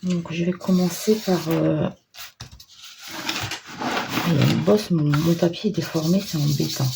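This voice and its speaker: A woman talks through her crafting project at an unhurried pace, her voice sitting on the low side. She hesitates often and fills the gaps with little fillers. There is a clear hiss of noise behind her. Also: fairly even intonation. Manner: hesitant, many pauses and fillers, self-deprecating. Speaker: crafting vlogger. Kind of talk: casual craft tutorial narration.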